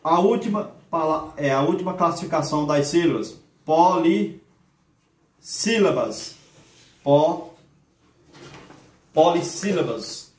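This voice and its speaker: A man's voice: a little high, unhurried, long pauses, a little mellow, distant mic. A male teacher who takes his time and asks his class questions, drawing each word out one syllable at a time. His voice sits a bit away from the mic in a roomy, echoing space. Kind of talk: grammar lesson. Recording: echoey room, voice from off mic.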